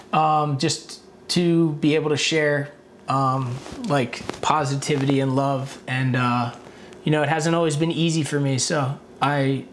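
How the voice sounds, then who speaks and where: A man's voice: on the high side, slight background noise. A man in his thirties speaking casually as a guest on a video call, laid-back and grateful, with lots of fillers.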